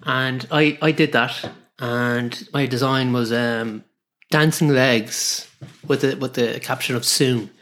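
An Irish man in a casual interview as a guest artist, explaining his work in a halting, repetitive way. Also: medium pitch, steady tone, a bit bright. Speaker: guest artist and screen printer.

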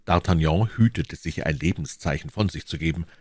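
Deep-voiced man reading a classic novel. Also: brisk, a little mellow, no echo. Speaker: audiobook narrator. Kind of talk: scripted literary narration.

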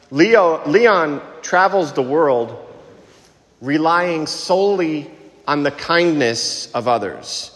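A man serving as a priest, reading the gospel and preaching a homily in a measured, deliberate way, his voice carrying a cathedral-like echo. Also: a little high, a bit bright. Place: large church. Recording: long church reverb.

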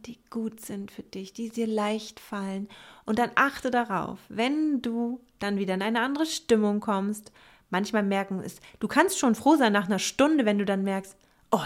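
A woman hosting a motivational podcast, speaking directly and encouragingly to the listener, sometimes dropping to a soft whisper. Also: mid-range voice. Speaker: podcast host and coach. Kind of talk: casual motivational podcast talk.

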